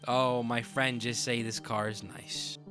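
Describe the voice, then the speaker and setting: A man voicing a creepy, cutesy woman passenger who drawls in a slow country vernacular. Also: medium pitch, flat delivery, over music, close to an everyday voice. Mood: eerie.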